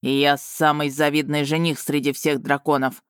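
A woman voicing an arrogant male dragon suitor in an audiobook, her voice lowered and firm. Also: little pitch movement, normal speed, smooth, no echo, clean studio sound, lightly acted. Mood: growling.

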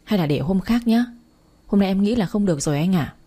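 A woman's voice: medium pitch, animated, fairly quick, warm tone, lightly acted. A woman voicing a spirited young mother in a story, pert and a little defiant.

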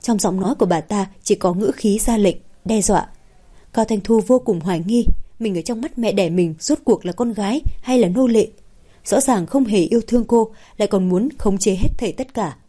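A woman's voice: medium pitch, moderate pace, warm tone, breathy edge. A woman reading a novel aloud as narrator. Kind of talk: scripted audiobook narration.

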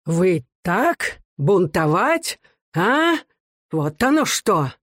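A man reading aloud voices a shrill, bullying middle-aged police officer in a squealing, sneering voice. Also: big pitch swings, very slow, fairly bright tone, slightly rough, no room sound, studio quality, full character voice. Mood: shrill threatening.

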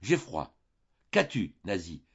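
A man's voice: sing-song, takes it slowly, breathy edge, lo-fi sound, heavily acted. A man reading an audiobook, voicing a grieving old father who pleads in a strained, rising voice. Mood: anguished. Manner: pleading, breaking into higher pitch.

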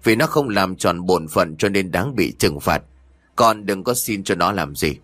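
A man voicing a stern older matriarch who gives harsh orders slowly and coldly. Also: deep voice, animated, fairly bright tone, dry recording, heavily acted. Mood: cold commanding. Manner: slow, imperious.

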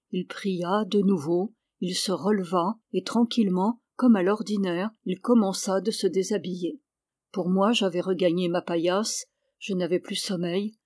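Brief: female audiobook narrator, measured and clear, mid-pitched voice, dry close recording. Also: a little mellow, no echo. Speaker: audiobook reader.

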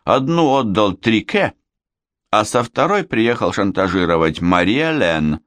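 A vengeful older Frenchwoman, cornered and snapping back, in an audiobook read aloud by a man. The voice sits low yet swings widely in pitch. The recording is close and dry. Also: big pitch swings, measured pace, a bit bright, dry recording. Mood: spiteful. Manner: snappish, bitter confession. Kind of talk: audiobook character voice.

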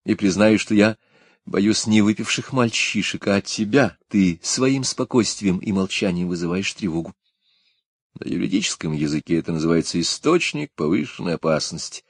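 A man reading a tired young actress, emotional and lively, in an audiobook. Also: low voice, moderate pace, husky, dry recording, studio quality. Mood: wistful.

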